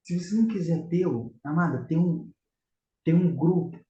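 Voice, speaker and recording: A man with a Carioca accent from Rio de Janeiro, Brazil, leads an animated religious class on prayer, earnestly exhorting listeners he addresses as brothers. His slightly high, dark-toned voice moves at normal speed, and the echoey, slightly dull recording picks up slight background noise.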